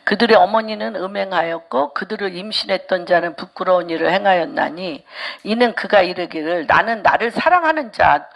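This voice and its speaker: A woman's voice: lowish voice, a little fast, creaky, few pauses. A middle-aged woman pastor preaching a sermon in church, firing rhetorical questions at the congregation and dropping to whispers for emphasis.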